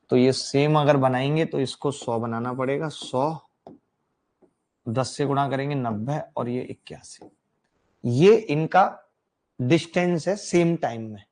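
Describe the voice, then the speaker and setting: A man's voice: on the high side, a little mellow. Playful Hindi-speaking math teacher, man. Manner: playful, addresses students directly. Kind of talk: classroom lecture.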